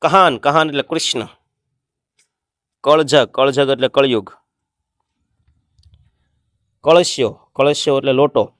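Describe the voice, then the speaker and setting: A man, teaching an exam-prep grammar lesson and explaining word meanings one by one, sometimes chanting a verse slowly. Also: mid-range voice, a bit bright, no room sound, studio quality.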